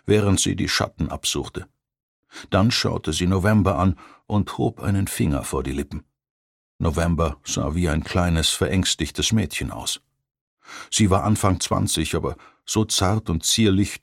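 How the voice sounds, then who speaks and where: Very deep, gravelly male audiobook narrator. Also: dry recording, clean studio sound. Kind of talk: scripted narration.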